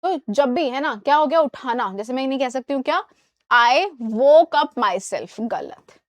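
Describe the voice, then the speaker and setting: A woman English teacher giving a live online class, explaining in Hindi and reading English examples slowly, often checking that students follow. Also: sits high, animated, darkish tone, no echo. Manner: asks students questions and checks understanding.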